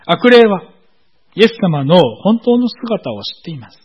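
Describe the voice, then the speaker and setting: A man preaching a sermon in a measured, explanatory way, often pausing on filler words. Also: sits high, big pitch swings, husky, lo-fi sound. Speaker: pastor.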